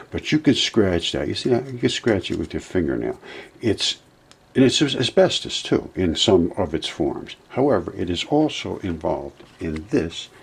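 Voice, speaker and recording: A man's voice: low voice, creaky, a little mellow, husky. A man giving a rambling informal video lecture in front of a screen, addressing viewers as his friends. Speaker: channel host presenting his own theory. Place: indoors in front of a monitor.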